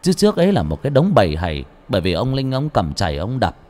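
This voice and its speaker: A man narrating a ghost story in an expressive storytelling manner. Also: fairly low pitch, fast. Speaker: audiobook narrator. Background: faint background music.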